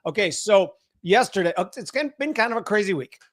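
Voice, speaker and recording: Middle-aged American man, host. Higher voice, animated, joking market banter. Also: fairly quick. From United States. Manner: joking, animated, laughs often. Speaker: co-host of a trading show. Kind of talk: casual market chat.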